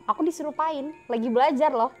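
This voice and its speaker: A woman's voice: sits high, fast talker, faint music behind. Chatty young woman telling a ghost story. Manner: acts out quoted dialogue, lots of fillers. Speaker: guest telling her ghost experiences. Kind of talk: casual storytelling in a podcast interview.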